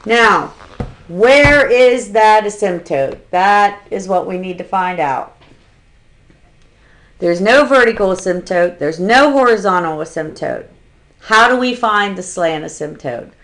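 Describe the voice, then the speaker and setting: A woman's voice: mid-range voice, animated, measured pace, fairly bright tone. A woman math instructor giving a recorded calculus lecture, explaining step by step with an occasional dry sarcastic aside.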